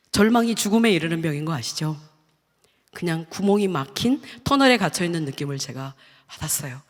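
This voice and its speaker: Earnest middle-aged woman in church reverb. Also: fairly low pitch. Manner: earnest, stacks short listed phrases, drops to hushed tones. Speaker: guest speaker giving a testimony. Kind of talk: church testimony talk. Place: church hall.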